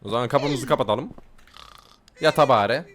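A young man hosts a game video, offering casual let's-play commentary where he jokes, laughs often and translates lines aloud. His voice is mid-range and a bit bright, at a moderate pace.

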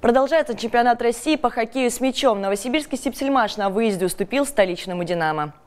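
A woman's voice: a little high, expressive, quick pace, a little hiss or hum. A young woman reading scripted sports news as a studio anchor.

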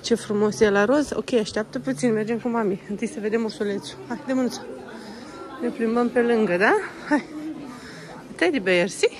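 A Romanian woman in her thirties vlogging casually while walking through a shopping mall, chatting to the camera and gently coaxing her small child, slipping into English phrases. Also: on the high side, a crowd in the background. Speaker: vlogger and mother.

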